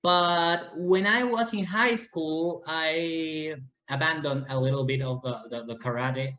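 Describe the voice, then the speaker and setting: A man's voice: fairly high pitch, a little slow, sharp tone. Peruvian man talking earnestly in a roomy echo. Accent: Peruvian Spanish. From Peru. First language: Spanish. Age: 30s. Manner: earnest, with restarts and searching for words. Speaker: guest. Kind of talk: casual interview talk. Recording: roomy, dull lo-fi audio.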